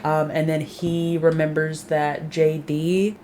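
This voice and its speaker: A young woman with a slightly low voice breezes through a TV season recap, dropping swear words and sarcastic asides. She slips into quick imitations of the characters, with a faint hiss of ambience behind her. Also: little pitch movement, a little mellow. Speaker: recap vlogger. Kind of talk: casual, profane TV recap.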